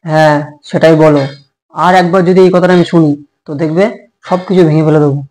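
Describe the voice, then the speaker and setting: A man's voice: fairly high pitch, fairly even intonation, darkish tone, close to an everyday voice. A man playing a touchy, hot-headed husband. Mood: indignant. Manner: snapping, indignant, quick to take offence. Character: short-tempered young husband, easily angered. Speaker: short-drama actor. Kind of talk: comic home drama acting.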